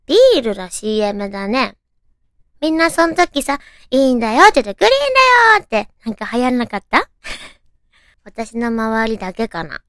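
A woman's voice: a little high, moderate pace, pauses often, no room sound, clean studio sound. A woman with a naturally cute, girlish anime voice hosts a chatty solo radio show, talking playfully to listeners as friends.

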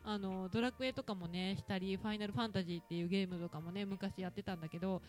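A podcast host from Ehime, speaking with the local Japanese accent, chats casually with her daughter in a teasing talk show full of laughter. Her medium-pitched voice stays steady in tone, runs very fast, and is a little mellow, with soft music in the background.

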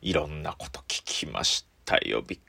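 A man with a Kansai accent, a comedian telling a story on his solo radio talk, lively with sound effects and frequent laughter. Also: extremely low pitch, normal speed, gravelly, dry recording. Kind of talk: casual solo radio chat.

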